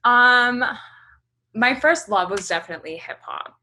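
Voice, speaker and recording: This woman, in her thirties and raised in Hong Kong, is a musician taking interview questions at an easy pace, musing aloud and filling gaps with "um" and "like." She speaks fairly high and without hurry, over a bit of background noise.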